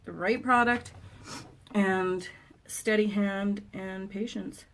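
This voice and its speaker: A woman's voice: mid-range voice, takes it slowly. A woman nail technician chatting casually while she works on a client's nails in a salon. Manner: relaxed, chatty, laughs often, mutters while working. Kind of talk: casual chat during live demo.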